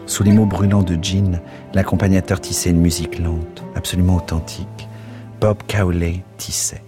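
A man with a deep, low voice reads literary prose aloud, expressive and rhythmic. He lingers over words and images. Faint music plays softly behind him. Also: a little fast. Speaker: narrator. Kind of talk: literary reading. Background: soft music.

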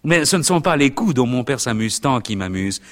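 A man's voice: medium pitch, lively intonation, a little fast, fairly bright tone, lightly acted. A man voicing a timid young innkeeper's daughter. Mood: earnest. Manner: timid, earnest.

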